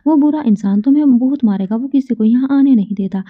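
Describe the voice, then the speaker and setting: A woman's voice: sits high, fairly quick. A woman reading the part of a naive young woman who talks in an innocent, blunt way. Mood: indignant. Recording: narrow phone-like lo-fi sound.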